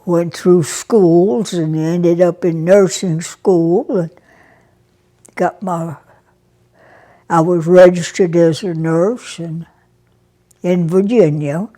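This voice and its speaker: A woman over a hundred, raised in Brazil, recalling her years as an army nurse in an interview, speaking softly and haltingly with many pauses. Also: on the low side, steady tone. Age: over 100. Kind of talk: interview reminiscence.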